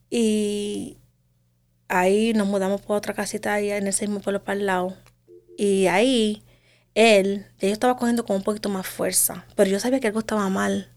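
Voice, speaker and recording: Earnest woman with halting restarts. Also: mid-range voice, darkish tone. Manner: drops English words into her speech. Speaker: guest sharing her story. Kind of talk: personal testimony in conversation.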